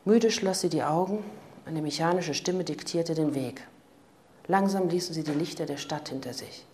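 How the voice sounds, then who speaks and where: A woman narrating a crime audiobook in a calm, even manner. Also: sits low, moderate pace, slight background noise. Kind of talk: scripted narration.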